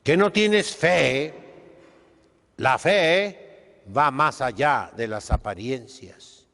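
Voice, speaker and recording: A man with a Mexican accent delivers a sermon as a priest, speaking at an unhurried, deliberate pace in a mid-range voice. He is emphatic and preachy, tagging his points with questioning asides to his listeners. The recording carries a long hall reverb. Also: mid-range voice, vocal fry, a bit bright.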